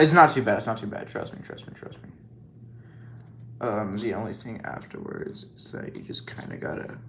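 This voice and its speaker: Gravelly man chatting over a hobby build. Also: mid-range voice, slight background noise. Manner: rambling, self-joking, lots of fillers. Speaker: scale model builder. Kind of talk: casual hobby vlog commentary.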